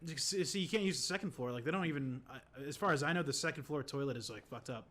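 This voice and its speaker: Rambling young man, fast and halting. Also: a little high, a bit bright. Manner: rambling, hesitant restarts. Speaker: podcast co-host. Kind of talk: casual chat.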